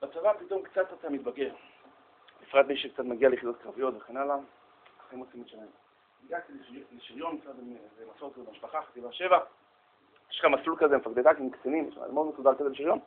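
A man giving a humorous storytelling talk, animated and jokey, speaking straight to his listeners. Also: medium pitch, husky. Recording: tinny phone-like sound.

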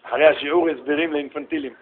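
A middle-aged man from Israel giving a lively storytelling sermon as a rabbi, acting out voices and bantering with his listeners. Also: fairly high pitch, phone-quality sound. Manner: animated, acts out voices and shouts in stories, banters with listeners. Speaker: rabbi giving a Torah lesson.

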